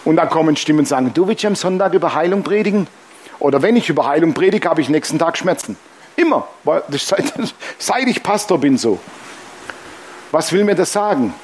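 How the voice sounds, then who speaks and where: A man's voice: a little high, very animated, brisk, a little hiss or hum. A man preaching a sermon as pastor, emphatic and humorous, often calling out "Amen".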